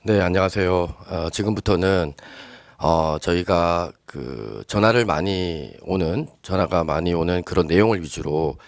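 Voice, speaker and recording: A man's voice: low voice, a little slow, no room sound, clean studio sound. A man answering teachers' frequently asked questions in a live-streamed briefing, explaining step by step with many fillers and hesitations.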